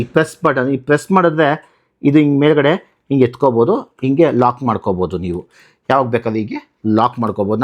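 His voice runs on the high side with a darkish tone. He's a motovlogger and channel host from Karnataka, India, chatting casually through a hands-on tutorial and explaining things by asking and answering his own questions.

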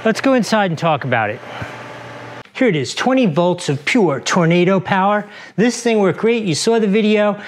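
A man's voice: high-pitched, lively intonation, normal speed, a little hiss or hum. A man doing a casual unboxing review, chatty and enthusiastic, joking at his own expense, recorded in a garage studio. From lives in Florida. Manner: enthusiastic, chatty, self-deprecating. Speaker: product reviewer. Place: outdoor garage testing studio.

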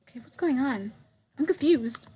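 A young woman streaming a game, reading its dialogue aloud and commenting, stammering and repeating words, with sudden excited bursts. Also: high voice, normal speed, a little hiss or hum. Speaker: gameplay streamer. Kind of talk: reading visual novel text aloud with commentary.

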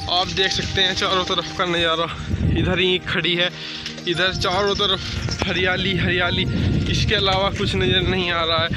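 A young male village vlogger from Uttar Pradesh, India speaks in a high, flat voice on poor audio. Holding his phone at arm's length, he leads viewers on a casual walking tour through village fields and lanes, repeatedly saying "friends," while loud background music plays under his voice.

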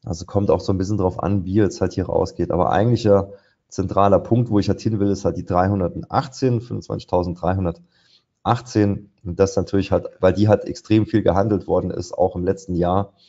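A man's voice: low-pitched, steady tone, fairly quick, mellow, husky, lo-fi sound. A man commenting live on market charts as he trades, thinking aloud with many fillers. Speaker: trader presenting a live trading session. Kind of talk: live market commentary over screen share.

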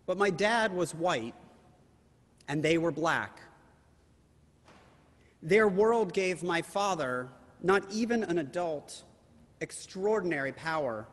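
A man with a notably high voice delivers a sermon as a rabbi. He speaks in measured phrases and slows down to stress key words. His voice trails off into the long reverb of a large hall. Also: lively intonation, a bit bright.

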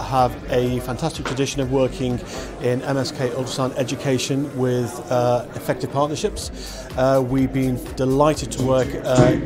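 Polished corporate-sounding man. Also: medium pitch. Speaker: company representative. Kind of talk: promotional interview. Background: music bed.

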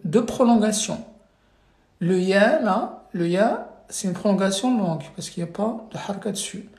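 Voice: medium pitch, animated, unhurried, darkish tone, echoey room. A teacher running a live reading class, calling on students and correcting them patiently, drilling syllables over and over.

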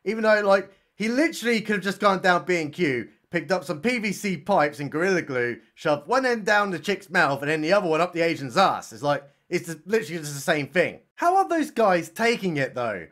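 Young male reviewer, irreverent comedic recap, high and lively delivery. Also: brisk, few pauses. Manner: irreverent, sarcastic, crude jokes. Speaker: film reviewer. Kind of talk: comedic film recap narration.

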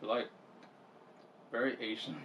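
A man co-hosting a casual vlog, excitable and joking as he plays an arcade game and tastes snacks. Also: mid-range voice, takes it slowly, slightly rough, rough recording. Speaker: vlog co-host.

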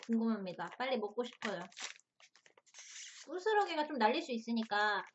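A woman with a fairly high voice gives a casual snack review, chatting while she tastes and crunches chips. She talks as a mukbang host would, eating between remarks. The recording is a little dull, with noticeable noise behind her. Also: very animated, normal speed.

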